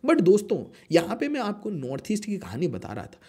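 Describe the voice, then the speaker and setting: A man giving an animated explainer lecture on current affairs, emphatic and full of rhetorical questions. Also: high-pitched, fairly quick, breathy edge. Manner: emphatic, rhetorical questions, mixes English into Hindi.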